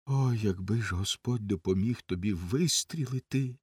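A man's voice: lowish voice, normal speed, slightly rough, no room sound, studio quality. A man reading an audiobook and voicing an old father in anguish, speaking in a trembling, lamenting way. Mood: despairing. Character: old grieving father, desperate and pleading.

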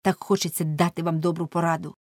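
A woman's voice: lowish voice, little pitch movement, fast talker, dry recording, clean studio sound. A woman reading a bold young jester's warnings. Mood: urging. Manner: pleading, urgent, mocking warnings. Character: bold young male jester, prophet of doom.

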